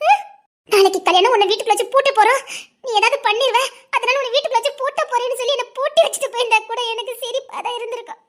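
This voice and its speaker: An actress playing a distraught young pregnant wife who feels betrayed, crying and shouting through bitter laughs in a TV serial. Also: female voice, extremely high pitch, fairly even intonation, very fast. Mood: anguished. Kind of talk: TV serial acting.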